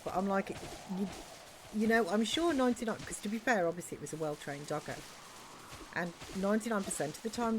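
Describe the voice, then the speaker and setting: A woman's voice: mid-range voice, noisy background. A woman streamer chatting casually and rambling through stories while playing a game. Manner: chatty, rambling storyteller with regional slang.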